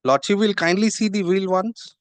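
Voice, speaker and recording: A dry-sounding recording of an Indian-accented man arguing as counsel. His voice sits somewhat high, and he addresses the bench with hesitant deference. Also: steady tone, moderate pace, dry recording. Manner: deferential, hesitant, repeatedly saying my lord. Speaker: lawyer addressing a judge. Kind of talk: courtroom submissions. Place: courtroom.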